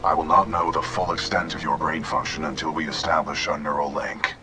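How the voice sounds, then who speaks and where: A man voicing a damaged giant war robot, low on power and rebooting, who talks in clipped, formal status reports. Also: fairly quick. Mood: formal, steady. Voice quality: very deep, flat and mechanical. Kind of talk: video game acting. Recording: distant voice over game music.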